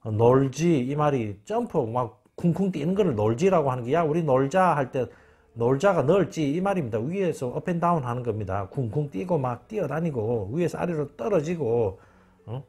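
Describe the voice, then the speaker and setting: A man's voice: on the high side, animated, moderate pace, a little mellow, husky. A man giving an informal spoken lecture, emphatic and repeating words over and over. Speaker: channel host.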